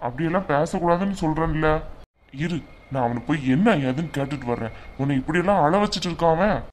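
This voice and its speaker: A woman doing a gruff old father-in-law. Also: deep voice, expressive, fast talker, a little mellow, slight background noise. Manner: scolding, protective. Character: older father-in-law, stern but caring. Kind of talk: cartoon voice acting.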